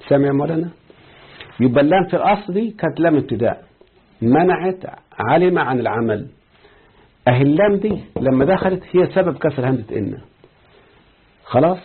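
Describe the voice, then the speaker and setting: A man with an Egyptian Arabic accent teaches a classroom grammar lesson in a husky, mid-pitched voice. He explains step by step, stops to quiz his students, and slows down to quote examples. The recording is thin and tinny, as if heard over a phone line.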